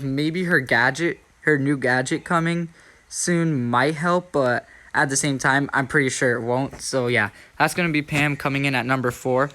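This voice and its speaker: A man's voice: medium pitch, pushed and bright. A man giving casual, chatty, self-deprecating listicle countdown commentary over video gameplay as the host.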